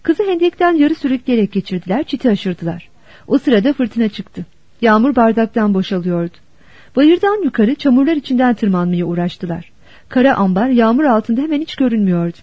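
A woman narrating a novel as an audiobook in a steady, expressive storytelling manner. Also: a little high, brisk, dry recording. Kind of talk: scripted narration. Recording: dull dry lo-fi recording.

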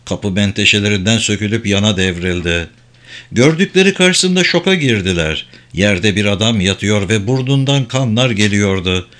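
A man's voice: fairly low pitch, a bit bright. Man narrating a thriller audiobook. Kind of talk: scripted narration.

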